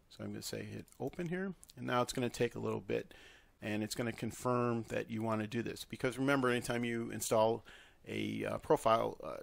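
A man with a fairly low voice and lots of vocal fry walks through a software tutorial step by step, speaking informally like someone recording a screen walkthrough at his computer. There is no room sound.

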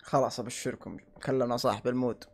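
A young man doing excitable let's play commentary and yelling at in-game enemies. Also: medium pitch, very fast. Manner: excitable, yells and curses at enemies. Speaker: gaming channel host.

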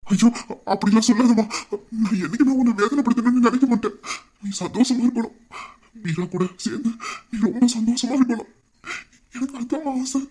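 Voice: mid-range voice, dark tone, breathy edge, lightly acted. A performer playing an older, fatherly widower who soothes a young woman and confesses with grief, in an audio drama. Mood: anguished. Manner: soothing, pleading, slowing into grief. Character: older man, doting fatherly widower, guilt-ridden. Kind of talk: Tamil audio drama acting.

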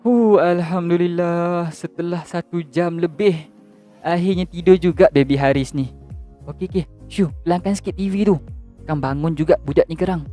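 A young man with a high, light voice hosts a casual game role-play, acting as a fussing father. He speaks at normal speed in a lively, joking, bossy way, with faint game music in the background.

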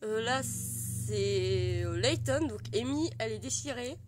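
A woman with a hoarse voice from a cold, gushing and rambling with many fillers as she shows off her collection in a casual vlog. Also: a little high, animated, takes it slowly, music in the background. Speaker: vlogger showing her collection. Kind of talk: casual show-and-tell. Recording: noticeable background noise.

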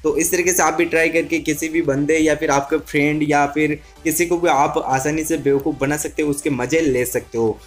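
An Indian man hosts a casual how-to voice-over in a fairly high-set voice. He talks straight to the viewer, going step by step and circling back over his phrases. Light music plays behind him. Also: steady tone, normal speed, hardly any pauses. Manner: repetitive, instructional, addresses viewers directly. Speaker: tech tutorial host.

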